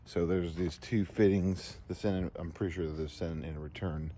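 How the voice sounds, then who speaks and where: A man vlogging his truck work outdoors, rambling casually with lots of fillers and throat clearing. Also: low voice, fairly even intonation, moderate pace, warm tone, a little hiss or hum. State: out of breath. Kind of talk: casual DIY vlog.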